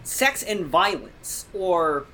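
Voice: mid-range voice, lively intonation, drawn-out words, pushed and bright, slight background noise. A speaker on a movie podcast reading symbolism into a film, playful, often restarting sentences and filling with "like.". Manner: analytical but playful, self-correcting, many "like"s. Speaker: podcast co-host or guest. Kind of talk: casual movie-discussion podcast chat.

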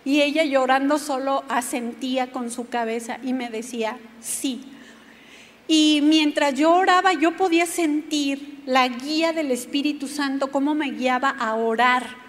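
A woman preaches a sermon, telling her own testimony and turning to speak directly to her listeners. Her voice sits high. A long reverb trails behind her in a church hall. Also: moderate pace.

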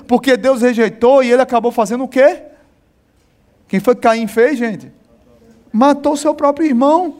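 A man preaching a sermon, emphatic and talking straight to the congregation. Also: very high voice. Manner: emphatic, talks to the congregation, slows on key phrases. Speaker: pastor.

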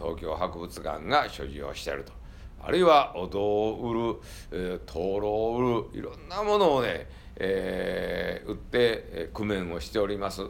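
Lively Kansai monk telling temple stories. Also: male voice, lowish voice, vocal fry. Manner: folksy, joking, storytelling. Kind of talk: humorous talk to a tour group.

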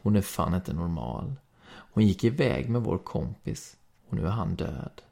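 Give me a man reading as aggressive teenage bullies from a storybook, shouting, husky and low. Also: sing-song, full character voice. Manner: shouted, hostile lines. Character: angry aggressive teenage boys, bullying.

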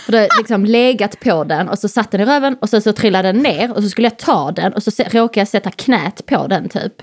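Woman telling stories in casual chat. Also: mid-range voice. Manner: animated storytelling, swears freely. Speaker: podcast co-host.

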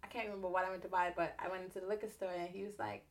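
A woman's voice: fairly low pitch, level tone, very fast. Chatty young woman with a Caribbean accent. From Antigua. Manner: chatty, laughs easily, acts out dialogue in her stories. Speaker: musician guest. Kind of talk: casual interview.

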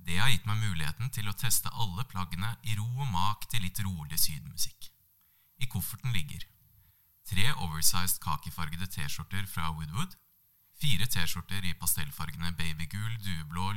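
A man, a podcast co-host, reading a comic diary entry in deadpan after some hesitant chat. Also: deep voice.

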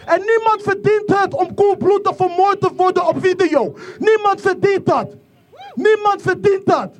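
A speaker from the Netherlands giving an impassioned protest speech outdoors, repeating lines and rising into shouts. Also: extremely high pitch, moderate pace. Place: outdoor protest rally in rain. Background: faint crowd.

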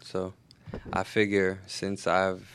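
A man's voice: sits low, completely flat delivery, slow, fairly bright tone, a little hiss or hum. A man in his thirties chatting casually in slangy, profane talk. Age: 30s. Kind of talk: casual chat.

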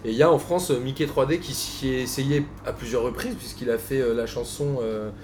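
A man's voice: medium pitch, steady tone, brisk, darkish tone. A man hosting a casual chat in an echoey indoor room. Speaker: host. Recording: roomy echo, faint background noise.

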